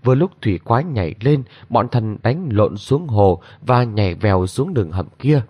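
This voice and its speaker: Brief: male storyteller, low and lively, dramatic narration, dry dull lo-fi sound. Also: normal speed, breathy edge, dry recording. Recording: dull lo-fi recording.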